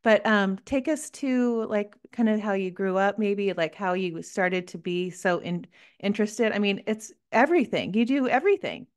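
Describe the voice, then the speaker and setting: A woman's voice: medium pitch, normal speed. A middle-aged woman hosting a podcast over a video call, gushing and rambling with many fillers as she introduces her guest. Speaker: podcast host. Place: living room at home, indoors. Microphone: large podcast microphone on video call.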